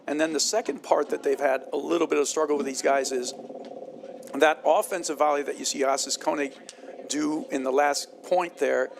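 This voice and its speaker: A man commentating a platform tennis final, talking at length in a relaxed, analytical way, his voice strained from hours of talk. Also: on the high side, normal speed, vocal fry, slight background noise. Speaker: play-by-play commentator. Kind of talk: sports commentary.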